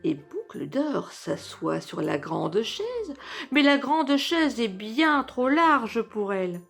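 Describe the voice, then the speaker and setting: A woman reading a children's story aloud as a storyteller, slow and clearly paced. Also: on the high side, big pitch swings, faint music behind.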